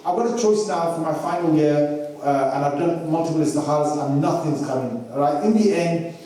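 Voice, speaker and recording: A man's voice: fairly high pitch, brisk, dark tone, recorded from a distance. A man giving a religious lecture with anecdotes, telling stories and acting out the dialogue with self-deprecating asides. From Britain. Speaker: Islamic lecturer. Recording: echoey hall from off mic.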